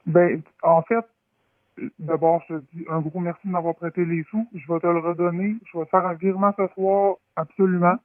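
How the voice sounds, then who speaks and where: Man on the phone with a disguised high voice. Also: steady tone, normal speed, no room sound. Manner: defensive, stammering. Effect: electronically disguised voice, pitch-shifted. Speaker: radio caller. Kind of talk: phone-in radio call. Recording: dry tinny phone line.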